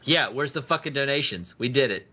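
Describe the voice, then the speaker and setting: A man's voice: medium pitch, expressive, brisk, pushed and bright. A man in a casual online group chat, bantering and joking crudely. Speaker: podcast guest.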